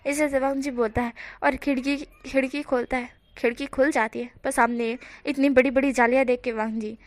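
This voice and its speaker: A woman retells a story in a chatty, casual way, mixing in English words. Her voice sits high, and the recording is dry and close. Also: little pitch movement, a little fast, no room sound.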